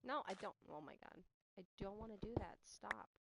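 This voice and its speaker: With an expressive, fairly quick mid-range voice and vocal fry, this young Spanish-speaking-raised streamer chats while playing, stuttering and rambling as she addresses viewers and reacts to gameplay together. Heavy background noise and game music sit behind her.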